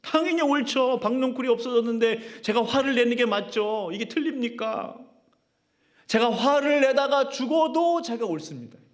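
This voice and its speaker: A man's voice: very high voice, expressive, moderate pace, pitched above the performer's own voice. A man voicing a stubborn male prophet who defiantly insists he is right. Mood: indignant.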